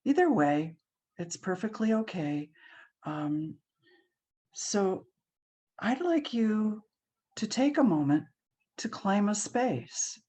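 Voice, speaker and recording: A woman leading a guided relaxation class, speaking softly and soothingly with frequent ums. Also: medium pitch, very animated, slow pace, long pauses. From Hawaii. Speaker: meditation guide.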